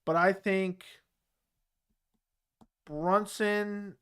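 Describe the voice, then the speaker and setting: This live chat host is a young man with a Baltimore accent whose answers to viewer comments wander, restarting and leaning on fillers. His high-pitched voice is smooth and fairly bright, delivered very slowly with fairly even intonation.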